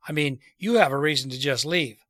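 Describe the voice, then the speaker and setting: A frank, resolute fugitive woman read by a man speaks reflectively. The storybook voice has a bright edge. The sound is dry and close. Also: fairly high pitch, brisk, dry recording, close to an everyday voice. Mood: calm resolve. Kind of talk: storybook character read aloud.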